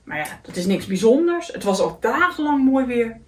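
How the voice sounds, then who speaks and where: A woman's voice: fairly high pitch, sing-song, normal speed, a little mellow, echoey room, distant mic, slight background noise. A woman reading a children's picture book aloud, telling the story expressively and voicing the characters.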